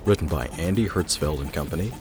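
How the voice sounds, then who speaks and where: A man reading a written anecdote aloud in a measured, even way. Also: very deep voice, over music. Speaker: reader. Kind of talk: scripted narration of an anecdote.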